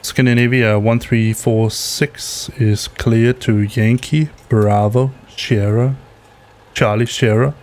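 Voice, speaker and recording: Man, sim pilot, mid-range voice, radio readbacks, relaxed casual commentary. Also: mid-range voice, slow. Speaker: flight simulator streamer acting as pilot.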